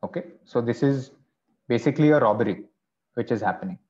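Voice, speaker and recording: A man's voice: mid-range voice, darkish tone. Man teaching an online class, lo-fi sound. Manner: explains slowly, checks in with "okay" and "right". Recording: dull lo-fi online class audio.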